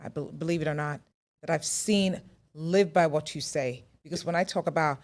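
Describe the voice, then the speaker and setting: Low-voiced, effusive woman host. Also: fairly even intonation, normal speed, a little mellow. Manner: effusive, praising. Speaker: show host. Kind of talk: casual interview talk.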